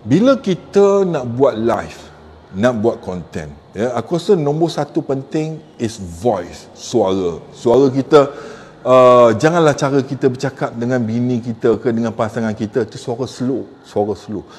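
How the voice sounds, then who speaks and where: A man's voice: animated, measured pace, darkish tone, slight background noise. Man coaching with swinging emphasis. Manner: emphatic, repeats key points, swings pitch up and down for stress. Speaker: content creator giving tips. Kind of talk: casual coaching talk to camera. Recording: long hall reverb.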